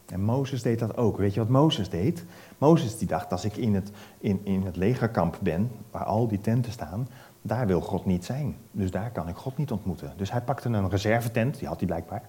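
A man preaching, retelling a Bible story in a lively way and asking his listeners questions. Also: fairly low pitch, normal speed.

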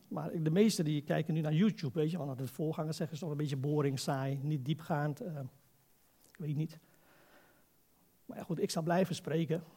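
A man's voice: high voice, vocal fry, a little mellow. A man preaching an informal, conversational sermon as a pastor, exhorting his listeners and putting rhetorical questions to them.

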